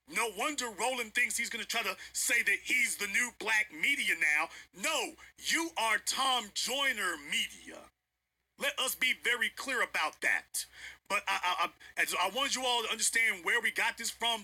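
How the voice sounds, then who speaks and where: An online political commentator rants during a livestream in a high, piercingly bright voice with a husky rasp. His style is emphatic, preachy, and confrontational, and he repeats lines to drive his points home.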